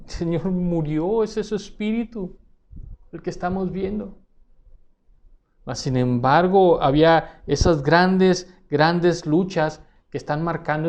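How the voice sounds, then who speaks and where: Male pastor, earnest sermon delivery, slightly high voice, halting repetitions. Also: a little mellow. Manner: earnest, repeats words while searching for phrasing.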